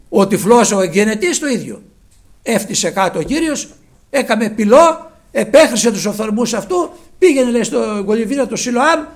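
A man preaching a sermon with fervour, his phrases often sinking to a hushed, low close. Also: vocal fry.

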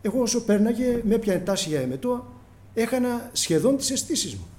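A man's voice: very high-pitched, big pitch swings, a little mellow. A middle-aged man preaching a sermon, calling the congregation brothers and acting out prayers and dialogue with passion.

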